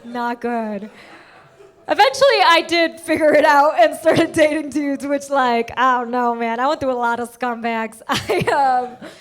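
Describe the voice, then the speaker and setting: A young adult woman performing a stand-up comedy set on stage, telling brash stories fast with punchy punchlines. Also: sits high. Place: stage before a live audience.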